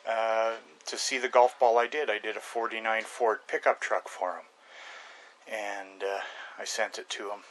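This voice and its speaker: An older man rambling casually, with many pauses and restarts, into a webcam at close range in a small room at home. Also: fairly low pitch, flat delivery, fairly bright tone, a little hiss or hum. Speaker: hobby carver and channel host. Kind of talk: casual home video show-and-tell. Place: small room at home with shelves of model trucks. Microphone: webcam close to the face.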